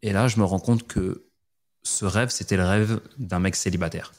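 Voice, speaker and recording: A man from the Montpellier area, probably in his thirties, telling his own story as a podcast guest in a lively, vivid way, often adding "tu vois". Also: deep voice, moderate pace. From France, Montpellier area.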